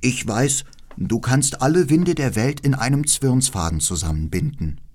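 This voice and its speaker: A man's voice: medium pitch, expressive, moderate pace, darkish tone, voice pushed up, lightly acted. A man doing a pleading, earnest reindeer. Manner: earnest, begging. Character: pleading gentle male reindeer. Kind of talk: audiobook fairy-tale reading.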